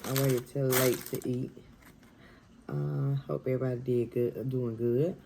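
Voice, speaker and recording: A woman, chatting casually while eating on camera in her dining room, talking softly and half-whispering. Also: very deep voice, little pitch movement, measured pace, vocal fry, slight background noise, poor audio. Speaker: mukbang vlogger.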